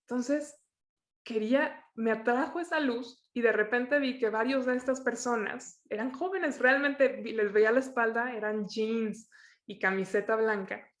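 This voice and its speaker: A young adult woman tells her testimony in an earnest, searching way and often backs up to restart her sentences. Her voice sits a little higher than most women's. The room around her is echoey. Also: measured pace. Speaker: guest sharing a testimony. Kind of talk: personal testimony.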